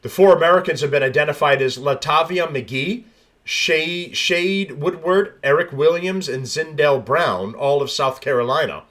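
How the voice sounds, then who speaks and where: This man's voice sits on the high side with a slightly bright tone, moving at a normal speed. Hosting his podcast, he reads out news items, restarting often and adding crude, blunt remarks that wander off into tangents.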